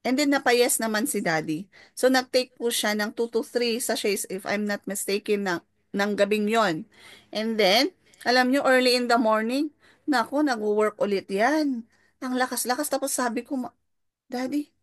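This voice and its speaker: Her voice on the high side and her speed normal, a middle-aged Filipino mentor with a Filipino accent gives a personal testimony, recorded cleanly in a studio without echo. She's polite, mixes English into her Tagalog, and checks in with listeners using tag questions.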